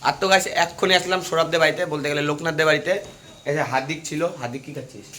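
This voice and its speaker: Fast-talking young man vlogging by phone. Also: fairly high pitch, bright, forceful tone. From India. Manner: chatty, addresses viewers as "guys". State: slightly hoarse. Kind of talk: casual vlog narration. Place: at home and outdoors on local roads.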